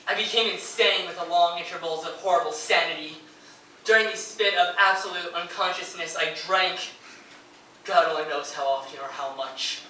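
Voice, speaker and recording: In a very echoey room, captured from a distant mic with faint noise, a male actor plays a tormented, grieving poet during a live performance in a radio station's performance room. His high, forceful voice moves at a moderate pace as he declaims verse and letters with nervous fervor and bitter grief. The theatrical reading swells into anguished outbursts, like a live stage drama.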